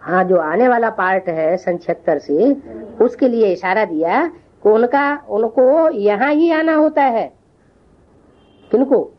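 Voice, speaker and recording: A woman teaching a religious scripture lesson, often pausing to question and tease her listeners. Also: a little high, highs cut off. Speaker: spiritual class teacher.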